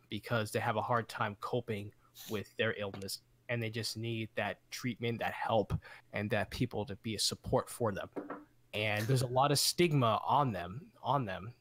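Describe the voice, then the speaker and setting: A man talking earnestly in a casual podcast chat, often halting and restarting his sentences. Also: fairly low pitch, fairly bright tone, a little hiss or hum. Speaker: podcast co-host.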